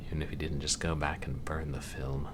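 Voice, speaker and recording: A man's voice: a bass voice, level tone, a little fast. A man commenting on a story game and reading its narration aloud. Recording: clearly noisy background.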